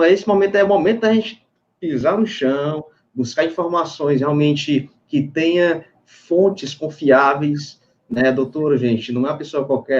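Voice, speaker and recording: A man interviewing a guest in a relaxed, conversational way, often adding tag questions. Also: on the high side. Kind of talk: casual interview chat. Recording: dull lo-fi sound.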